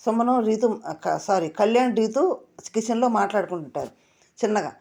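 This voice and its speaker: Mellow-voiced woman reviewing a show. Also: animated, moderate pace, vocal fry. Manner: retells quotes with lower voice. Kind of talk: casual show recap.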